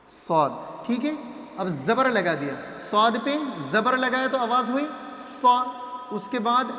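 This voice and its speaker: High-voiced man teaching, echoey room. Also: fairly bright tone. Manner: patient, repeats sounds slowly, checks with "right?". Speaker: Quran reading teacher. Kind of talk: classroom lesson at a board. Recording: echoey room with long reverb.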